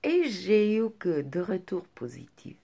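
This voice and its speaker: A middle-aged woman with a non-native French accent, speaking softly and hesitantly in a confiding personal vlog, often close to a whisper. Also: on the low side, very animated, slow pace, vocal fry, husky.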